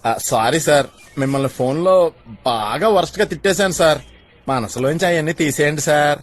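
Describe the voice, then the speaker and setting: A man's voice: on the high side, a little fast, close to an everyday voice. An actor playing a young man who protests in a bewildered, sheepish way, in comic dubbed film dialogue. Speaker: film hero.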